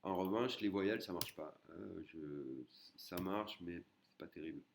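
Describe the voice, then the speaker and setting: A man's voice: low-pitched, measured pace, gravelly, a little hiss or hum. A man teaching an online language lesson, patiently repeating and breaking words into syllables.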